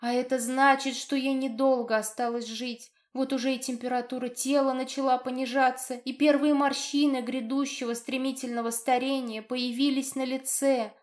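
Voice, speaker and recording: A woman's voice: sits high, flat delivery, normal speed, hardly any pauses, pitched above the performer's own voice, close to an everyday voice. A woman voicing a plump, desperate mother who pleads through tears in a storybook. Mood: tearful. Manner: pleading, sobbing. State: crying.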